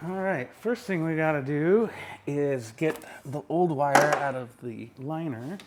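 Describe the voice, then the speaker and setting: A man's voice: a little high, a little slow, very noisy. A man in a home workshop, chatting in an easygoing, folksy way while he welds and explains his steps. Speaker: home welder and mechanic. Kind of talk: casual workshop how-to vlog.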